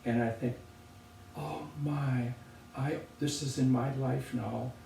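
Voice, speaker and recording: Older man, gravelly voice, warm dark tone, reflective potter, roomy distant recording. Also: mid-range voice, fairly even intonation. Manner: thoughtful, unhurried, with pauses and restarts. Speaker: potter presenting objects. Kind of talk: relaxed reflective conversation. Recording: roomy, distant from the mic, faint noise.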